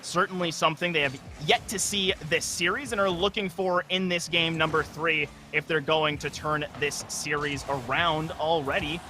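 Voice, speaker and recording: A young man giving energetic, analytical live commentary on an esports match. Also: a little high, normal speed, hardly any pauses, slight background noise. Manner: energetic analytical play-by-play, frequent restarts.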